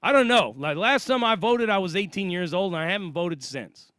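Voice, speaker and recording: Middle-aged American male commentator, high voice, blunt and emphatic, casual opinion rant, dry close sound. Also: expressive, a little fast, fairly bright tone, no room sound. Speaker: online commentator.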